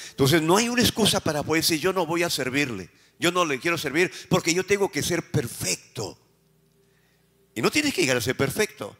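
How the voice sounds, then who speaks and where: A Peruvian pastor preaching in call-and-response, his voice sitting at an ordinary middle pitch. He asks the congregation question after question and answers each one himself. He lifts his voice for emphasis, then drops to slow, quiet phrases. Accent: Peruvian Spanish. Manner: swings between raised emphatic lines and quiet, slowed phrases. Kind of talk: sermon.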